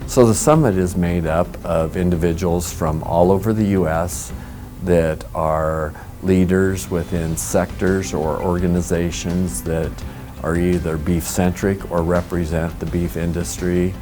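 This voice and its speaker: A man's voice: low voice, fairly even intonation, measured pace, mellow, faint music behind. A man giving an explanation in an interview. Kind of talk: interview talk.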